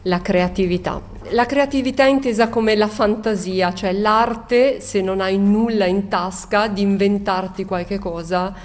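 A woman's voice: medium pitch, fairly even intonation, a little slow, few pauses, soft background music. A woman, a mayor talking casually as a guest on a live radio quiz.

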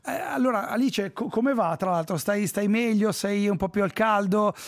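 A man's voice: sits high, moderate pace. A man hosting a live radio show, chatty and jokey as he links segments. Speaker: radio host. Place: radio studio.

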